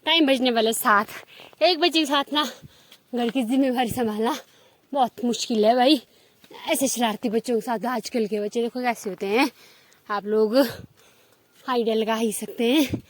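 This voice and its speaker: A woman's voice: fairly high pitch, normal speed. A woman with a Himachali Pahadi accent, chatting to her viewers as a village vlogger in a rambling way full of fillers. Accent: Himachali Pahadi Hindi. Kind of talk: casual chat to viewers.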